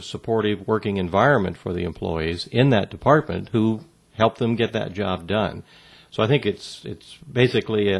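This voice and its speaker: A man with a lowish, gravelly voice answers interview questions about workplace communication. He speaks in a measured, halting way, full of fillers and restarts.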